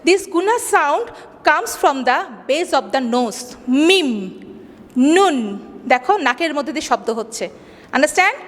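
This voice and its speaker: Female teacher, high voice, slow careful English, quizzes the class, reverberant room. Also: expressive, a bit bright. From Bangladesh. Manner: explains in English then repeats in Bengali, asks questions and answers them; slow, deliberate English, faster Bengali. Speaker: school teacher. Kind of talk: classroom lesson. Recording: long hall reverb.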